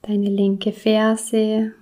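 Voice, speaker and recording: A woman guiding a body scan meditation, speaking softly and soothingly, with some words in a breathy whisper. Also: medium pitch, monotone, very slow. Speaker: meditation guide.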